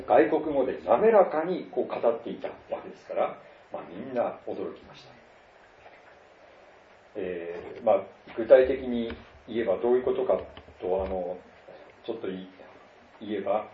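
Middle-aged guy from tohoku giving a chatty sermon, lots of pauses, sounds far off in an echoey room, kinda muffled. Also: on the low side, a little hiss or hum. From Tohoku, Japan. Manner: conversational, many fillers and pauses. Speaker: pastor. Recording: roomy, distant, dull lo-fi sound.

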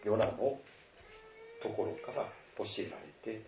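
A man preaching a sermon with an earnest, animated delivery and a lively pitch that rises and falls. His voice is mellow and dark. It comes from some distance off, in a roomy church hall with a slightly dull sound. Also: slow, slight background noise. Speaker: pastor.

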